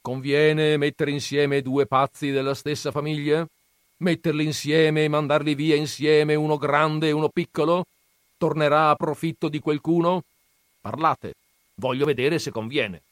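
A domineering old grandfather bellows his judgments, voiced by a male reader. The voice is raised and forceful, declaiming each line for the whole family. The recording is dry and close, with no room sound. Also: fairly high pitch, steady tone, a little slow, no room sound, pitched above the performer's own voice, natural voice. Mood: gruff, commanding.

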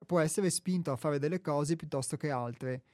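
Measured Italian man, mellow dry voice. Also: on the high side, no echo. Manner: measured, explanatory, with frequent restarts and fillers. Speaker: host reading and commenting a spiritual text. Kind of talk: reflective radio talk with reading.

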